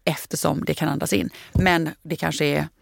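A woman co-hosting a podcast, speaking in a heavily gravelly, creaky voice. She is thoughtful and hesitant, full of fillers and restarts. The room sounds dry and close to the mic. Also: deep voice, steady tone, dry recording. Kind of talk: casual podcast chat.

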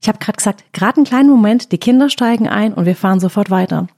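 A woman recounting a story in casual conversation with a medium-pitched voice. She tells it vividly and often quotes exactly what she said. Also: fast talker, vocal fry, warm tone. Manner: tells the story vividly, quoting her own words.

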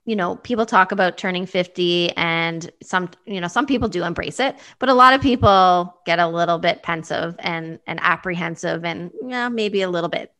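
A woman's voice: lowish voice, moderate pace, hardly any pauses, fairly bright tone. A woman in her fifties, answering interview questions thoughtfully and with some hesitation. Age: 50s. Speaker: guest.

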